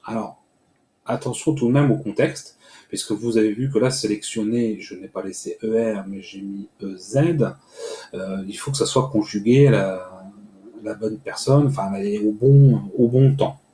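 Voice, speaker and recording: A man with a lowish, mellow voice walks through a screen-recorded tutorial, pausing often on filler sounds as he explains. His voice rings in an echoey room with a faint hiss behind it. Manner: hesitant, frequent "euh" fillers, explanatory. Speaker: tutorial host.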